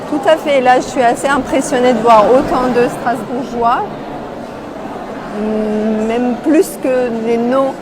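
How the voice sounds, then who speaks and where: A woman's voice: on the high side, unhurried. A middle-aged woman from Iran, answering interview questions at a cultural festival with a hesitant manner and many fillers. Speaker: festival guest. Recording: loud background noise.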